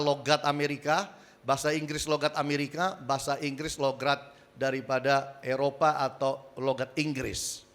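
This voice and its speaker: A male pastor delivering a sermon in a high, bright voice. He moves between soft, confiding asides and loud, emphatic declarations. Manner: lively preacher, swings from loud emphasis to quiet asides. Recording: church hall with reverb.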